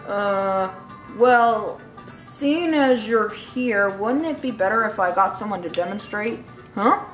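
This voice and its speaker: A woman's voice: medium pitch, reverberant, natural voice. A woman voicing a boastful male inventor, reading game text aloud in a showman tone and now and then stumbling over words.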